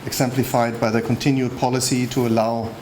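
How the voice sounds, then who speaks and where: Guy reading out an official speech at some launch, pretty monotone, measured and formal, slight noise behind. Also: mid-range voice. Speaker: United Nations official giving a speech. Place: public launch event venue. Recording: faint background noise at event.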